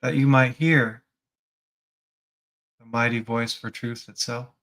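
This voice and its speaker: This man's mid-range voice stays steady as he leads a spiritual meditation at a slow pace. He teaches by softly posing reflective questions to the listener.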